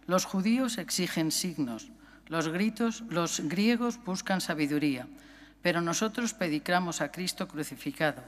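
A man reading an epistle at Mass as lector, formal and deliberate. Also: on the high side. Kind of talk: liturgical scripture reading. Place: large church. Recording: long church reverb.

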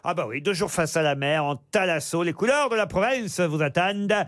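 High-voiced chatty radio quiz host. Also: male voice, a little fast, fairly bright tone, dry recording, clean studio sound. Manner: chatty, reads prize plugs, teases panelists. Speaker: radio game show host. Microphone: studio microphone.

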